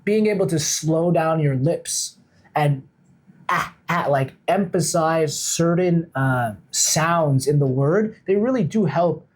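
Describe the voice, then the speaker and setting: A man with a fairly high-pitched voice speaks slowly as a guest in a casual interview. He lays out his points informally and emphatically, much like a coach.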